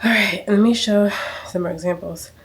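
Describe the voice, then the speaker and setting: A woman's voice: medium pitch, moderate pace. A woman in her thirties from the United States, chatting casually to camera in a lifestyle vlog, emphatic and fond of repeating her points. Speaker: lifestyle vlogger. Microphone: small handheld camera mic.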